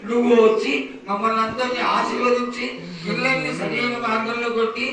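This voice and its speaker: A man's voice: very high-pitched, little pitch movement, brisk. A man speaking as a priest in ritual supplication, pleading deferentially in long, flowing requests. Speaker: priest questioning and appeasing the oracle. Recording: echoey, distant mic with faint noise.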